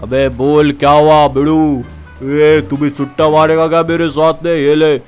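A man hosting a game role-play video, talking loudly and excitedly. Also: on the high side, a little slow, clear, resonant tone, soft background music. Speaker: gaming channel host.

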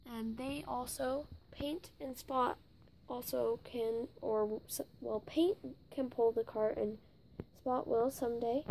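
Slow, gravelly young woman touring her toy barn. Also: on the high side, fairly even intonation, mellow, a little hiss or hum. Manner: halting, stops to list names, drops into whispers. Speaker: toy barn tour guide. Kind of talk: casual narrated toy barn tour. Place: indoor room with toy barn on carpet.

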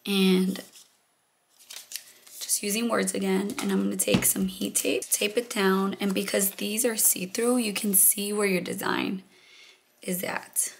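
A woman hosting a craft video, explaining each step in a relaxed, thinking-aloud way and a bit out of breath. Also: medium pitch, measured pace, vocal fry, a little hiss or hum. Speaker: crafting channel host. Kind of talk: casual how-to narration.

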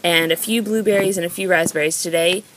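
A fairly low-pitched, steady-toned American woman talks fast while filming a casual haul for her home vlog on a handheld camera or phone. She chats informally about what she's showing. The handheld amateur recording carries noise and clicks.

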